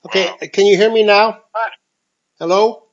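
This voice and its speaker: A man's voice: high voice, fairly even intonation, measured pace. A man teaching a discussion class, heard through a speakerphone on a phone call, talking in a thoughtful, hesitant way with many ums. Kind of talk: leading a text discussion class. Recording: dull speakerphone call audio.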